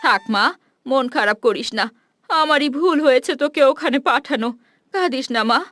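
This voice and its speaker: A woman's voice: sits high, bright, forceful tone, slight background noise. A woman voicing a busy, caring village mother in a cartoon. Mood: soothing. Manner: brisk, motherly.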